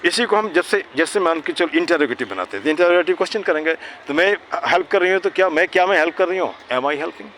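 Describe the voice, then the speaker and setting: Male tutor teaching a grammar lesson. Slightly high, patient, keeps asking "clear?" Faint street noise behind him. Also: expressive, fast talker, hardly any pauses, a bit bright. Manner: patient, checks understanding often. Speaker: English tutor. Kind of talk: Hindi grammar lesson for children. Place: outdoors near traffic.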